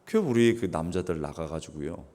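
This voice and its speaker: A middle-aged man delivering a revival sermon in a low, deep voice. His pitch leaps and falls widely as he preaches, breaking into sudden raised exclamations and clearing his throat now and then. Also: lively intonation, moderate pace, warm tone. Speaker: guest pastor.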